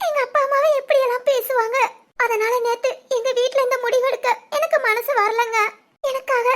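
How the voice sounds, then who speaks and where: A woman voicing a tearful young pregnant bride in a dubbed cartoon drama, stammering through sobbing apologies. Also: very high voice.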